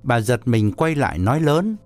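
A man reading a story aloud as narrator, in an expressive storytelling manner. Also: mid-range voice, normal speed, no room sound, soft background music. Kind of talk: scripted narration.

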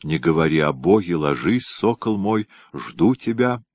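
A man's voice: very animated, a little slow, dry recording, full character voice. A man voicing a willful, clingy young tsaritsa in a read-aloud historical story, pleading in a raised voice. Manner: pleading, higher and louder than the narrator. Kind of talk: audiobook reading.

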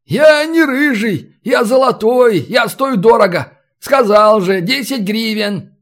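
A man voicing a boisterous, mocking brawler who haggles loudly over a captive. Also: extremely high pitch, slow, voice pushed up, heavily acted. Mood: haggling. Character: boisterous bargaining male brawler, Belarusian.

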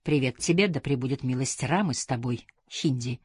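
A sneering male bodyguard-servant from a spoken storybook, voiced by a woman. His words come out in a snide, hissing tone. The voice sits low and close. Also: a little fast, a little mellow, breathy edge, dry recording.

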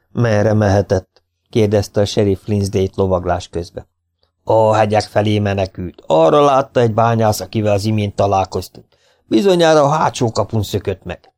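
Male audiobook reader, low and mellow, voices the characters by shifting pitch. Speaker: audiobook narrator. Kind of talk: storybook narration with voiced dialogue.

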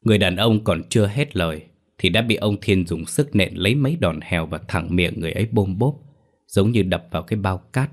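A man reading a horror story aloud as a storyteller, in a measured, slow manner. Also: deep voice, lively intonation. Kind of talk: scripted horror story narration.

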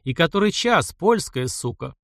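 A man's voice: on the high side, very animated, moderate pace, gravelly, a bit bright, no room sound, studio quality, voice pushed up, exaggerated voice. A man doing a furious, cursing brute. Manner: barking, cursing, heavy breathing rage. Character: brutal furious man swearing in German.

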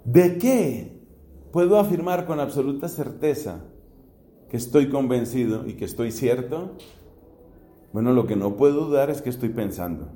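A middle-aged man from Colombia, a priest, giving a philosophy lecture in a slow, deliberate way with rising emphasis. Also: medium pitch, expressive, mellow. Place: classroom or hall. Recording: echoey room.

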